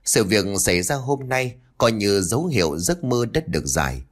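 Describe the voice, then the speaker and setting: A man's voice: on the low side, big pitch swings, moderate pace. A man telling a ghost story as scripted narration, in a dramatic storytelling manner. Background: soft background music.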